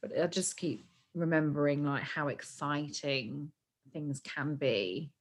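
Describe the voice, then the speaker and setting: A woman's voice: deep voice, slow pace, breathy edge. A young woman co-hosting a podcast, chatting openly and emotionally, laughing often. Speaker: podcast co-host. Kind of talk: casual chat.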